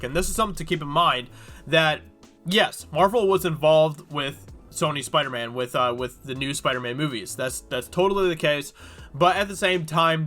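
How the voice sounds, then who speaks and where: A YouTube host with a slightly high, bright voice and a forceful tone reads through a news article and comments on it. He has a cold and sounds congested, talking casually and rambling with lots of fillers.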